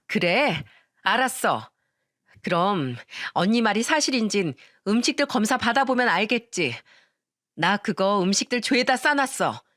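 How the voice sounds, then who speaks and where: A woman's voice: mid-range voice, a bit bright, no echo, studio quality, lightly acted. A woman voicing an angry, loyal young woman who scolds her older sister sharply and hurls accusations. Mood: scornful.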